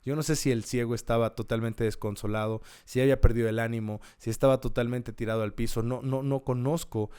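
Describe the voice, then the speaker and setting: A man's voice: medium pitch, fairly even intonation, brisk, hardly any pauses, a little mellow, clear, resonant tone. A man hosting a podcast, giving an earnest, encouraging devotional talk and repeating key words with rising emphasis. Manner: occasional restarts and self-corrections.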